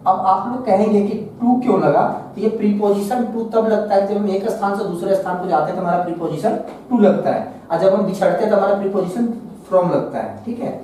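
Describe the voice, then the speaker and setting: A man's voice: high-pitched, mellow. A man teaching an English grammar lesson in Hindi, explaining step by step and often checking with his students. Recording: echoey room, voice heard from a distance, faint noise.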